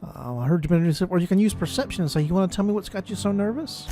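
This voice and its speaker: A man's voice: high-pitched, lively intonation, fast talker, dark tone, faint music behind. A man hosting a casual game playthrough, reading dialogue options aloud and adding musing, explanatory asides. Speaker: gaming video host.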